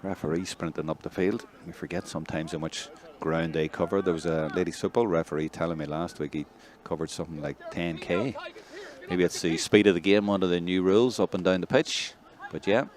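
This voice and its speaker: Deep-voiced Northern Irish match commentator. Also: male voice. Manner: conversational, excitable on big plays. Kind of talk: live sports commentary.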